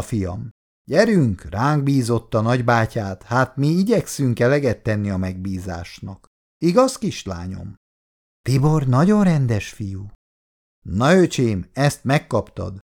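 A man's voice: mid-range voice, sing-song, darkish tone. Male reader doing older dad, hearty and bossy. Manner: hearty, commanding. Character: older man, jovial, bossy father.

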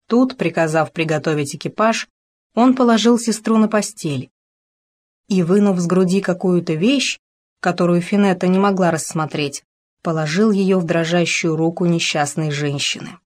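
A woman narrating an audiobook in an expressive, dramatic reading style. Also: lowish voice.

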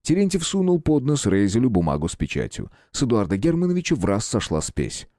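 A man narrating an audiobook with expressive storytelling. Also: medium pitch, brisk, no echo, clean studio sound. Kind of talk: scripted narration.

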